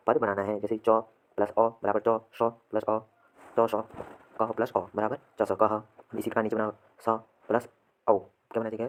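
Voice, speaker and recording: A man teaches Sanskrit vocabulary in a classroom lesson. He repeats each word, then asks and answers his own questions at a patient, steady pace. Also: on the low side.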